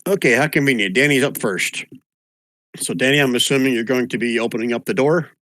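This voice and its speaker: A man's voice: mid-range voice, brisk, a bit bright, dry recording, studio quality. A man acting as game master, casually narrating and running a tabletop game.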